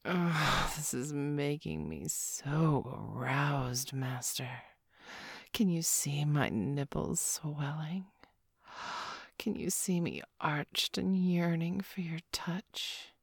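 Low husky whispery seductress, a woman playing her, slow and dry-sounding. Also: no echo, full character voice. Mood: seductive. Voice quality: breathy whispering. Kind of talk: erotic audio roleplay.

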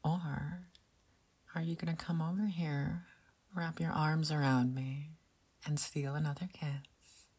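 A woman playing a doting, seductive mother figure in an intimate audio roleplay, talking softly in murmurs and whispers with hums and light laughs. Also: low voice, steady tone, breathy edge, full character voice. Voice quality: soft, whispery. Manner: slow, murmuring, teasing, with frequent hums and soft laughs.

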